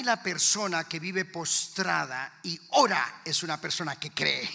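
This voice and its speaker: A man's voice: on the high side, vocal fry, bright, forceful tone, in a large hall. A man with a Colombian accent preaching a fervent sermon to his congregation in church, firing rhetorical questions at the listeners. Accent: Colombian Spanish. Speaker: pastor.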